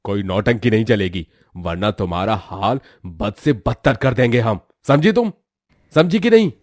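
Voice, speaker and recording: A man voicing a cruel, bullying middle-aged uncle who threatens loudly. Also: fairly low pitch, lively intonation, moderate pace, no echo, clean studio sound. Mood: threatening. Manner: loud, threatening.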